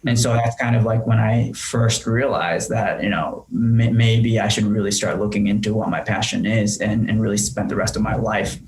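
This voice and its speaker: A man's voice: lowish voice, fairly even intonation, normal speed, few pauses, a little mellow, poor audio. Man telling his story, full of ums. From Japan. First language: Japanese. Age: 30s. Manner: thoughtful, with frequent ums and restarts. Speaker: entrepreneur guest. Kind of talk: casual conversational storytelling.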